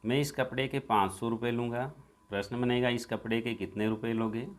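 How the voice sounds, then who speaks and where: A male teacher working through a school workbook. He reads each exercise aloud and then gives the answer, slowing down and stressing the jumbled sentences. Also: mid-range voice, steady tone. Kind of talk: workbook lesson walkthrough.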